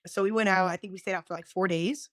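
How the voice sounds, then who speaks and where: A woman chatting as a podcast guest, telling lively stories, swearing freely and acting out what people said. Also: mid-range voice, quick pace, dry recording, studio quality. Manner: animated storyteller, swears freely, acts out quotes. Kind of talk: casual chat.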